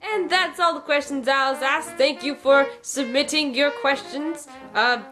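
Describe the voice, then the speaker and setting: Speaking a bit slowly in a high voice, a young woman chats through viewer questions on her vlog, wandering off topic and saying um and like a lot. Old jazz plays beneath her on a low-quality recording.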